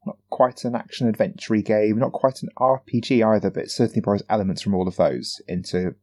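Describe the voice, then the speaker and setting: Podcast co-host, male, deep voice, chatty and explanatory. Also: fairly even intonation, fairly quick, mellow. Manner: chatty, explains games at length. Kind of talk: casual podcast chat.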